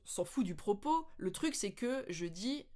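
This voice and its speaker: A French woman vlogging, telling anecdotes in a casual, animated way with lots of laughter. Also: mid-range voice, unhurried. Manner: animated, laughing, with playful English mimicry. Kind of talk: casual storytelling.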